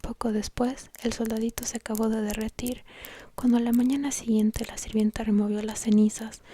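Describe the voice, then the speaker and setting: A woman reads a story aloud as whispered ASMR, in a soft, breathy whisper very close to the ear, slow and gentle. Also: fairly high pitch, little pitch movement, slight background noise. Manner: slow, gentle, hushed reading. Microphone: very close to the mic, whispering into the ear.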